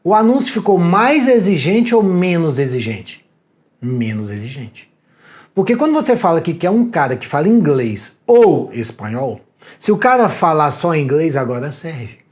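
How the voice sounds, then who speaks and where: A Brazilian man gives an energetic video lecture, and his pitch swings widely from phrase to phrase. He talks straight to the viewer in an animated, slangy way, like a teacher keeping a class awake. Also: normal speed. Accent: Brazilian Portuguese. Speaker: exam prep teacher.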